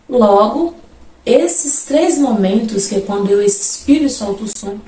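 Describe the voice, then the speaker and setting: A woman teacher, explaining a grammar lesson and repeating example words slowly. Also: mid-range voice, dark tone. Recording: roomy, from a distance, faint background noise.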